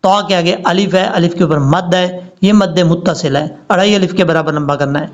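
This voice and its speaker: A man teaching Quran recitation, chanting words slowly and drawn out between quick, plain explanations. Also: sits high, fairly even intonation, dull audio. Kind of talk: recitation lesson.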